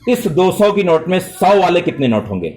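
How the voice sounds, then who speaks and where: A man's voice: sits high, very animated, moderate pace, music in the background. A middle-aged man teaching math to a full classroom of children, speaking politely and praising them. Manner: addresses students with polite forms and praise.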